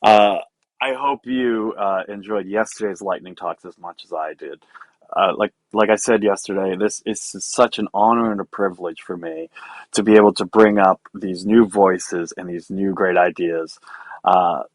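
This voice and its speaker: A man's voice: low voice, normal speed, no room sound. A man hosting a live online conference, introducing speakers in an enthusiastic way. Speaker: event host introducing speakers. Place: remote online event.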